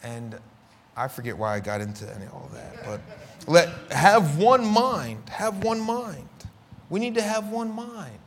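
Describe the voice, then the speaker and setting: A middle-aged male pastor from inner-city Philadelphia, with the accent to match, preaches a sermon in a high, very animated voice at a measured pace. He swings dramatically between loud declarations and hushed words and acts out conversations while telling stories, with a little hiss or hum in the recording.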